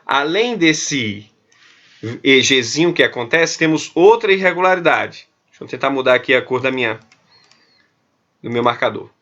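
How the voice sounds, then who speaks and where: A man's voice: medium pitch, expressive, normal speed, pauses often, a bit bright. A male Spanish teacher with a Brazilian Portuguese accent, explaining verb grammar step by step in a recorded online lesson and often checking in with the class. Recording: dull lo-fi audio.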